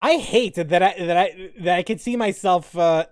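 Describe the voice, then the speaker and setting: In studio-quality audio with no echo, a high-voiced man streams games at a moderate pace. He reads quiz questions aloud and comments on them in a casual, rambling, informal way, swearing mildly now and then.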